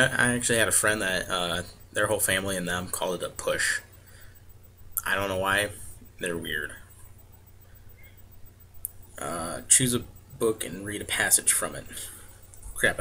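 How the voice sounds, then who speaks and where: A young American man with a low-pitched voice and a bright, sharp edge. He talks casually and plainly, stumbling and correcting himself as he goes. The webcam recording carries faint background noise. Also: moderate pace, gravelly, long pauses. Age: 20s. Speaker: vlogger answering a questionnaire. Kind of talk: casual chat with word-list and book reading. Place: small home room, indoors. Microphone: webcam or laptop mic at arm's length.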